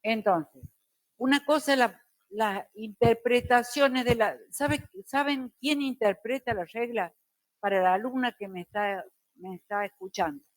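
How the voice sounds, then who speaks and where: A middle-aged woman teacher, lecturing a class slowly and deliberately with careful diction. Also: on the high side, no room sound.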